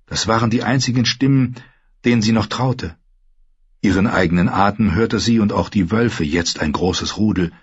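A man narrating a story in a calm, measured storytelling manner. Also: lowish voice, husky, no echo. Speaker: audiobook narrator. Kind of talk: scripted narration. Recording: dull lo-fi recording.

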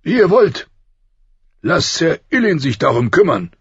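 A man voicing a weary, hot-tempered middle-aged king, speaking loud and raised. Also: a little high, very animated, a little slow, slightly rough, dry recording, highs cut off, voice pushed up, exaggerated voice. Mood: irritated.

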